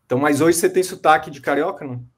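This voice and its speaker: A man's voice: a little high, racing, husky. A man mentoring a client in an online coaching consultation, speaking emphatically and repeating key phrases to drive his point home. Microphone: video call.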